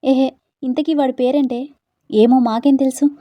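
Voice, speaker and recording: A woman voicing a group of anxious young female friends who call out loudly and fret. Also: high-pitched, fairly even intonation, moderate pace, no room sound, dull audio, pitched above the performer's own voice, close to an everyday voice. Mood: fretful, loud. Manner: loud, fretful.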